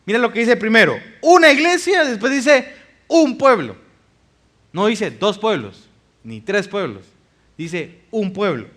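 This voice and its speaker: A man's voice: sits high, sing-song, slow, pauses often, fairly bright tone. A male pastor preaching a sermon, reading scripture aloud and putting rhetorical questions to the congregation. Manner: reads scripture passages aloud.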